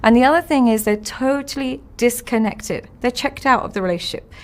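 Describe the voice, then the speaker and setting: A woman coaching on relationships as a podcast guest, telling stories from her practice in a blunt, emphatic, animated way. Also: a little high, brisk. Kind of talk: conversational podcast interview.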